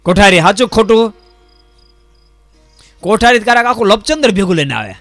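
Bright-voiced monk preaching. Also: male voice, high-pitched, fairly quick, no room sound, faint music behind. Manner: repeats rhetorical questions to the audience; lively storytelling, voices the people in his stories. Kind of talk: folksy sermon with stories.

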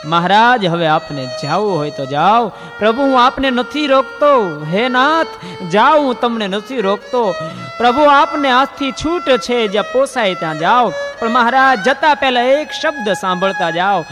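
Man acting out a tearful pleading devotee, high strained voice, loud music behind. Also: expressive, normal speed. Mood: anguished. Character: grieving older male devotee begging his lord to stay.

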